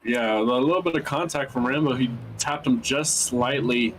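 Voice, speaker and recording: A man with a mid-range voice adds color commentary to a live drift competition. He keeps his remarks short and mostly backs up the lead caller. Steady hiss runs behind him. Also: mid-range voice, moderate pace, poor audio. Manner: brief agreeing interjections.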